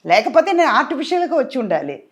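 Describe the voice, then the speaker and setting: An older actress speaking in a casual interview, expressive and devotional, sounding tired. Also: female voice, high voice, quick pace. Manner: expressive, devotional, sings softly at times.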